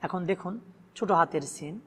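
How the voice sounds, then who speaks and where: A man's voice: high voice, fairly even intonation, brisk. A man from Bangladesh teaching Quran reading, addressing viewers and stretching out each Arabic letter sound with emphatic repetition. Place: room with a blackboard. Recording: long hall reverb.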